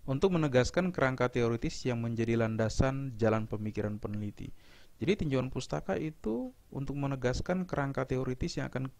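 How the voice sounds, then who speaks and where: A middle-aged man, a university lecturer, explaining step by step in a measured recorded lecture, with small fillers and restarts. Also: medium pitch, a little mellow, dry recording.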